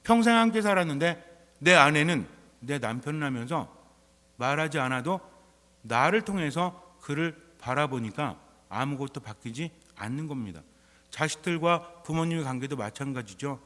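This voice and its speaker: A priest delivers a homily in a slightly high-pitched voice, talking to his congregation as if in conversation and asking question after question. His voice rings out with a long reverb in the church. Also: lively intonation, moderate pace, a bit bright. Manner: conversational preaching full of rhetorical questions. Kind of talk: sermon.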